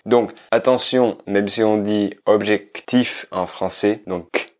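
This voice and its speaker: Slow-talking man teaching Spanish. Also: fairly low pitch, steady tone. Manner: clear, slow explaining, switching between French and Spanish. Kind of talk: video language lesson.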